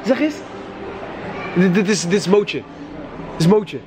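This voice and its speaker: A man hosting a casual vlog in a very high, lively voice that leaps around as he jokes and calls out. He repeats words in loud, playful bursts. Street noise and passing traffic sit clearly behind him. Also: a little slow, a crowd in the background. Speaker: vlog host. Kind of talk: excitable casual vlog banter.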